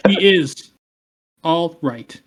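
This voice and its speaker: Jimbo is a precise, formal robot assistant who states everything in the same level, deadpan tone. He talks in a slightly high register for a man, as a player puts him on during a tabletop game. Lines come out clipped and businesslike. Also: very slow. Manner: flat, formal robotic delivery. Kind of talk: tabletop role-play in character.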